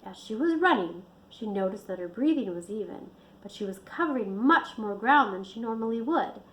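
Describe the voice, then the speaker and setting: A woman reading her own book aloud in a steady storytelling manner. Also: medium pitch, normal speed, rough recording. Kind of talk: audiobook narration.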